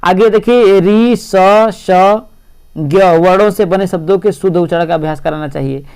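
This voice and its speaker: A man's voice: sits high, fairly quick, vocal fry, darkish tone. A male teacher giving an exam-prep lecture, explaining step by step and repeating "see" often.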